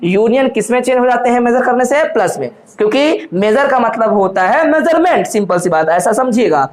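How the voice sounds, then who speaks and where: A man's voice: extremely high pitch, expressive, brisk. A man lecturing on university mathematics, constantly posing questions to his students and answering them himself, calling them children. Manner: addresses listeners fondly as children. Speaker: math lecturer. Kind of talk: classroom lecture in Hindi mixed with English terms.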